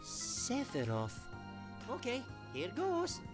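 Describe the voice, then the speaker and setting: A woman's voice: on the high side, huge pitch swings, over music, heavily acted. A woman voicing a chatty, pushy fortune-teller machine in a game mod, talking eagerly. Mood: cheerful. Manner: eager, pushy, quick to laugh. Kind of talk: fan voice acting for a game mod.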